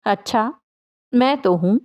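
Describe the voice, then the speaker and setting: A woman voicing a playful young man who jokes gently with his tearful fiancée in an audiobook. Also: mid-range voice, dull audio, close to an everyday voice. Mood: teasing. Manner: gentle joking banter.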